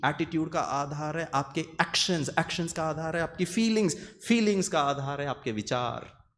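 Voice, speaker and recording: A man giving an earnest motivational talk on meditation and the mind to an audience. He often repeats phrases and slips English words into his speech. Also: fairly high pitch. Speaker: meditation speaker.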